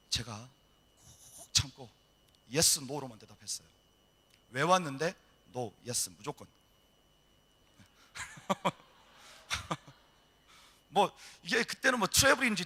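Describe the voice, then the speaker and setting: A middle-aged male missionary telling a story in a sermon, acting out the dialogue in a lively way. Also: fairly high pitch, slightly rough. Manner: animated storytelling, acts out dialogue. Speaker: missionary preacher. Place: church hall.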